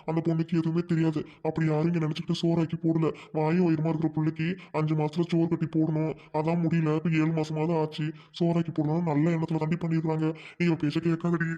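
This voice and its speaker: A woman playing a kindly older village woman in a comedy skit, pleading calmly. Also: sits low, fast talker, hardly any pauses, highs cut off, close to an everyday voice.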